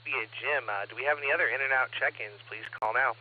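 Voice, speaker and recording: A man of ordinary pitch leads an amateur radio net, calmly taking check-ins and reading call signs back one by one. His voice comes through a two-way radio transmission, thin and squeezed like a phone line. The delivery stays even and businesslike throughout. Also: quick pace, noisy background. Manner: steady, methodical, reads back call signs. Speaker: net control operator. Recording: narrow, phone-like radio audio.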